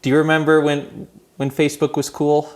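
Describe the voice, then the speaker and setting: Speaking a little fast in a highish voice, this thirty-something man keeps his delivery completely flat. He hosts a podcast, opening from a script before chatting with guests in a wry, self-deprecating manner.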